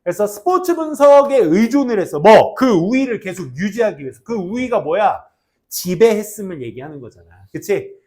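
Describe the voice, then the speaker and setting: A man teaching an English class to high school students, mixing grammar explanations with jokes and teasing. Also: moderate pace. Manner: animated, jokey, teasing students between grammar points. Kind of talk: classroom lecture with banter.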